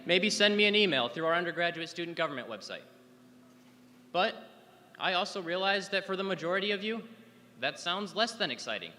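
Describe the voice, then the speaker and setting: A man with a high, bright, forceful voice delivers an upbeat convocation welcome. His speech rings through a large hall with a long reverb tail. It has the measured pacing of a formal address. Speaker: student government speaker.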